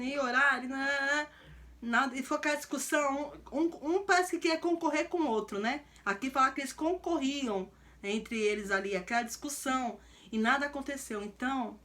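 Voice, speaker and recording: High-voiced woman preaching a morning sermon. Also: pushed and bright. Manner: retells the scripture in vivid everyday speech, voicing Jesus and the father.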